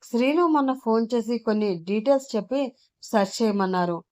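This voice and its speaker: A woman's voice: on the high side, animated, fairly quick, darkish tone, lightly acted. A woman storyteller voicing a helpful young man on the phone, explaining things matter-of-factly. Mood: concerned.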